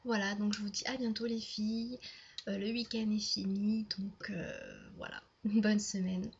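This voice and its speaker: A young woman talks casually to camera, wandering from point to point with lots of fillers and restarts. Her voice stays flat and level, at a middle pitch. The sound is dull and lo-fi, with a faint hiss underneath. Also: measured pace. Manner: rambling, full of fillers and restarts. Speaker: YouTuber. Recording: dull lo-fi home video sound.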